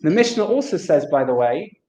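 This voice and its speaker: A man with a high voice gives a reflective memorial talk. He tells stories and plays out the dialogue, sprinkling in Hebrew words. The sound is roomy, with the echo of a synagogue hall. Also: sing-song, a little fast, darkish tone. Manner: storyteller acting out dialogue, weaving in Hebrew terms. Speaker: speaker at a memorial gathering.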